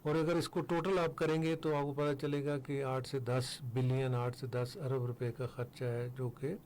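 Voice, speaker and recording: An older man from Pakistan, a foundation head speaking as a guest in a radio studio interview, explaining steadily with pauses and fillers. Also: medium pitch, flat delivery, darkish tone, a little hiss or hum.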